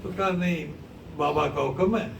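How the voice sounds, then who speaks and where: High, gravelly male preacher in an echoing hall. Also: far from the mic, crowd noise. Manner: impassioned storytelling, rising to shouted lament. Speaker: cleric. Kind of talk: mourning sermon recitation. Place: large mosque hall. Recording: echoey hall recording from afar, faint hiss.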